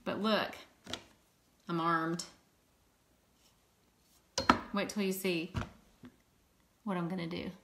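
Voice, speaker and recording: Sitting at a table at home, a fifties-aged makeup seller from Louisiana chats on a phone livestream with a fairly low, steady voice at a slow pace, her mild Southern accent showing. She greets viewers and laughs easily, filmed close up on a phone camera, with background noise present.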